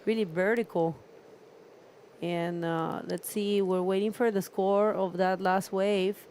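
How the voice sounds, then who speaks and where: A woman's voice: medium pitch, fairly even intonation, slow, a little mellow. A woman giving live surf contest commentary with casual asides, talking through the action in short, repeated phrases. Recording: noisy live outdoor event broadcast.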